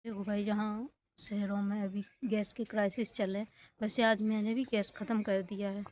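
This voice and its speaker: A woman's voice: mid-range voice, flat delivery, moderate pace, a little mellow. A young woman, chatting casually in a village vlog and coaxing calves playfully while she feeds them outdoors. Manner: playful, coaxing talk to calves, laughs often. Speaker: village vlogger. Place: outdoors at a village cattle shed.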